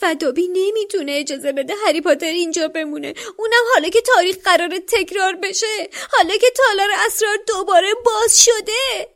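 A woman voicing a frantic, tearful little male house-elf servant with a squeaky, stammering voice, pitched far above her own. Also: hardly any pauses, a bit bright. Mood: pleading. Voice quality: squeaky, shrill. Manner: whimpering, stammering, pleading. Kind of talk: audiobook character voice.

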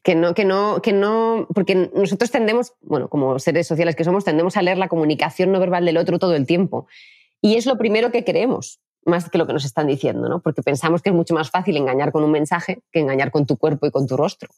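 Fast-talking woman coaching communication. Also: lowish voice, darkish tone, dry recording, studio quality. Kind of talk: interview answers.

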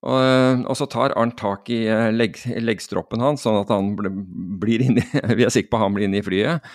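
A man from Norway casually telling a story on a podcast, animated, with many restarts and fillers. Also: on the low side, no room sound, studio quality.

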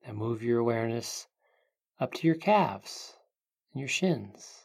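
An animated, mid-range voice with a creaky edge narrates a meditation like a sleep story. The guidance stays gentle and hushed, with long pauses.

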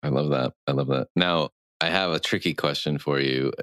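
A man's voice: extremely low pitch, fairly even intonation, normal speed, a bit bright, no room sound, clean studio sound. A man hosting an interview, affirming his guest and asking questions with small restarts. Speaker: podcast host. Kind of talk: conversational interview.

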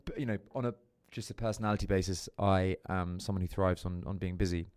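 Young guy on a podcast, really low voice, dry close sound, lots of ums and restarts. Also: fairly even intonation, fast talker, a little mellow, clear, resonant tone, no room sound. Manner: rambling, many fillers and restarts. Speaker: podcast guest. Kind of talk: casual interview chat.

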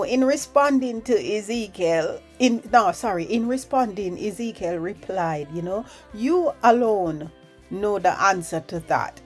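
Woman, low flu-recovering voice, unhurried, conversational, earnest devotional podcast with prayer, music behind. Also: a little mellow. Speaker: podcast host giving a devotional. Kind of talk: informal devotional talk with prayer.

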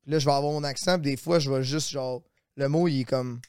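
A man's voice: mid-range voice, fairly even intonation, fairly quick, a little mellow, clear, resonant tone, no echo, studio quality. A Québécois man with a Québécois accent, explaining earnestly with many restarts in a casual podcast chat. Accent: Québécois French.

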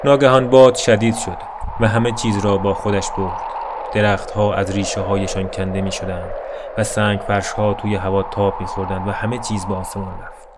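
A man narrating a scripted story in a calm, melancholy, deadpan way. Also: lowish voice, very noisy. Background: faint music.

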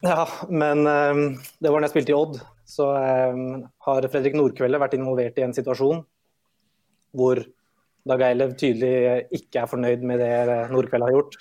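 A former footballer on a podcast, telling an anecdote in an easygoing way with filler sounds. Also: male voice, medium pitch, little pitch movement, warm tone, lo-fi sound. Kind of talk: casual storytelling on a podcast.

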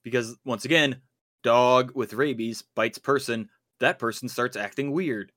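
Speaking a little slowly, a podcast co-host chats casually in a medium-pitched, fairly bright voice, wandering through his thoughts with many fillers and restarts.

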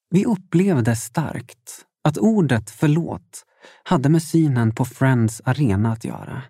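A young adult man reading his own memoir aloud as first-person audiobook narration, steady with dramatic emphasis. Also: mid-range voice, husky, no echo, clean studio sound.

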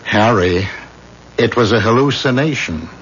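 An actor playing a reasonable, skeptical family doctor, persuasive and emphatic, in an old-time radio drama. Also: male voice, lowish voice, expressive, measured pace, a bit bright. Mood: skeptical, intrigued. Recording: muffled, noisy old radio recording.

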